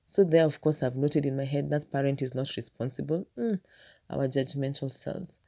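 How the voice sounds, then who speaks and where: A Kenyan woman with a Kenyan accent tells a personal story in a low voice. Her tone is mellow and relaxed, and she talks to her viewers in a chatty, humorous way. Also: moderate pace. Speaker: teacher telling a personal story. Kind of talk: casual storytelling vlog.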